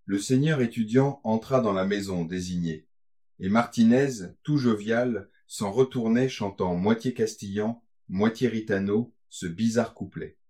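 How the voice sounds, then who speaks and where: A man narrating a classic story in a measured, literary reading style. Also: on the low side, warm tone. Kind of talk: audiobook narration.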